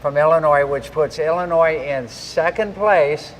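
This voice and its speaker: A man hosting a live giveaway stream, giving shout-outs and recapping in repeated announcer-like phrases. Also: a little high, unhurried. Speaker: host of a live giveaway show. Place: large garage with a stage. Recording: echoey hall with faint background noise.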